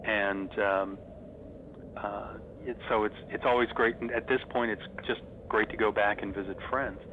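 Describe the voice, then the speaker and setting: A man's voice: fairly low pitch, fairly even intonation, normal speed. A middle-aged man telling stories casually as an interview guest, with a fan's enthusiasm. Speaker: interview guest, horror host. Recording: noisy, thin phone-like line.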